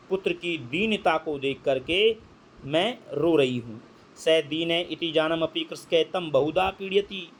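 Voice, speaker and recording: A man's voice: sits high, a little hiss or hum. Man teaching Sanskrit line by line. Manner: reads Sanskrit slowly, then explains in Hindi. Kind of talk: line-by-line translation lesson.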